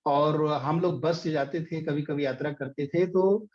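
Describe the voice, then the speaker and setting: A man's voice: on the high side, steady tone, unhurried, a little mellow. A middle-aged man, a business coach telling stories and teaching in an online session, with frequent fillers. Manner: anecdotal and hesitant, many fillers. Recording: dull lo-fi audio.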